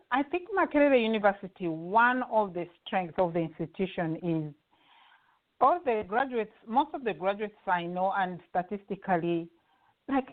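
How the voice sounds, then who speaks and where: Guest: middle-aged Ugandan woman, mid-pitched, earnest, tinny phone audio. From western Uganda. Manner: earnest, with frequent fillers and restarts. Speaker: guest, home care agency CEO. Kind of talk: conversational interview answers.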